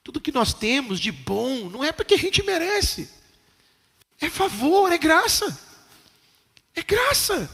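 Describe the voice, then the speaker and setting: A Brazilian pastor preaches in a very high, piercing voice, driving his points home with repetition. He drops to a hush, then climbs to a shout. A long church reverb trails every phrase. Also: sing-song, a little slow, pauses often. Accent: Brazilian Portuguese. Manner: swings from hushed to shouting, emphatic repetition. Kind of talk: sermon. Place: church sanctuary.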